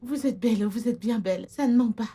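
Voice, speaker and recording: A woman's voice: on the high side, brisk, dark tone, slightly rough. A woman dubbing a film role: an eager, grateful young village girl hired as a housemaid, deferential to her employer. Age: young adult. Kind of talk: dubbed film acting.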